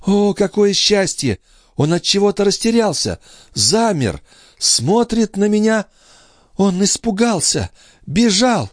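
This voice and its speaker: Audiobook: man voicing a high, breathless young noblewoman in a trance, pleading, dry close mic. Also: very animated, takes it slowly, no echo, exaggerated voice. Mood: entranced. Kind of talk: audiobook reading.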